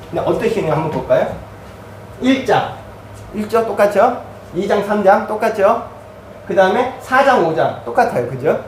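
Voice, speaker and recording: High-voiced pastor explaining a chart. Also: male voice, echoey room, distant mic, a little hiss or hum, low-quality recording. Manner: explanatory, walks through a chart step by step. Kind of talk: teaching sermon.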